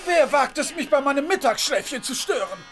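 A man voicing a kindly, pampered caliph in a cartoon dub, loud and indignant. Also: very high-pitched, expressive, brisk, over music. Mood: drowsy indignant. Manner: loud and indignant, then soft. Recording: cartoon soundtrack with loud crowd.

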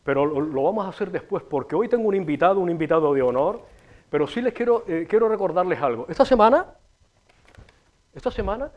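A man's voice: high voice, animated, quick pace, dull audio. A middle-aged man with a Canarian Spanish accent, hosting a local TV show and delivering a rambling, swear-filled comic monologue with big gestures in a small studio. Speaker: TV show host. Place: small TV studio with a city backdrop.

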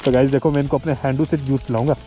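A man's voice: medium pitch, steady tone, rapid-fire, warm tone, soft background music. A young man hosting a motorcycle vlog, chatting casually outdoors on a cold mountain road and keeps calling out to his viewers. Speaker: motovlogger host.

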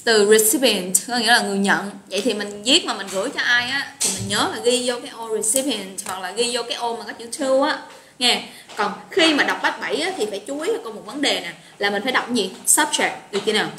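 Fairly high-pitched and sharp, this woman talks fast with a Southern Vietnamese accent. She leads a live online English vocabulary class, chatting and encouraging students as she calls their names, in a roomy recording with echo and faint noise.

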